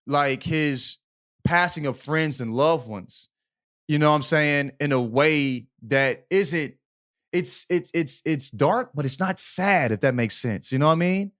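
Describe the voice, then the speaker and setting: Fairly high-pitched and fairly bright, this man's voice moves unhurriedly. He co-hosts a podcast about books, speaking in loose slang, hammering his points through repetition and often asking "you know what I mean" to be sure he's understood.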